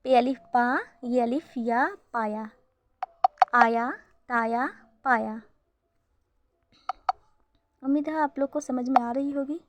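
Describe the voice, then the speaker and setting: Slow high-voiced woman teaching letters. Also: steady tone, heavy background noise. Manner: patient, spells letters syllable by syllable. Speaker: Urdu teacher. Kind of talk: slow spelled-out reading lesson.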